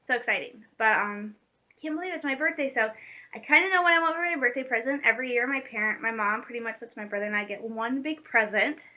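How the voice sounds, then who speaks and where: Speaking fast in a slightly high, bright, forceful voice, this late-twenties woman vlogs from her bedroom. She rambles and giggles through a casual chat to camera, full of filler words.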